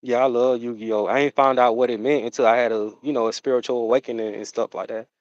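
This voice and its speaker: A man's voice: medium pitch, steady tone, highs cut off. A man talks to his livestream viewers in a loose, rambling way, piling on fillers and asides. His voice sits in a middle register. The sound is dry and close, with no room echo. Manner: rambling, drawn-out, full of fillers and "you know what I'm saying". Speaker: livestream host. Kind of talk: casual livestream chat.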